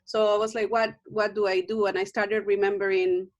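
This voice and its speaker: The audio is dull, and her mid-range voice stays flat in pitch at normal speed. She's a middle-aged Chilean herbalist with a Chilean Spanish accent, a native Spanish speaker, giving a warm, earnest casual interview by video call with many restarts and fillers.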